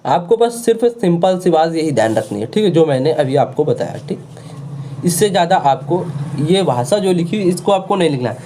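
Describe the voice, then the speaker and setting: A man's voice: a little high, big pitch swings, fairly quick, warm tone, a little hiss or hum. A male teacher giving an online grammar lesson, who repeats words over and over and keeps asking rhetorical questions to check the class is following. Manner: repetitive, drilling words over and over.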